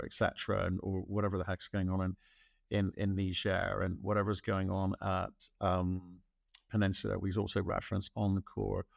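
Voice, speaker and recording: A man's voice: sits low, vocal fry, no echo, studio quality. A man hosting an interview, chatty, asking rambling questions with restarts. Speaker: interview host. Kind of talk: casual interview talk.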